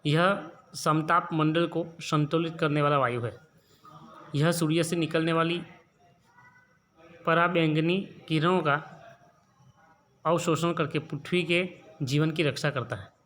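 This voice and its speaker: A male teacher from Gujarat explaining a textbook lesson slowly, repeating and explaining each line. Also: a little high, steady tone, a bit bright. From Gujarat, India.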